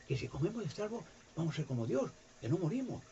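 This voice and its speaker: A man voicing Eve, a young woman, in a storytelling talk, quiet and earnest. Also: on the high side, very animated, fast talker, dull audio, pitched above the performer's own voice.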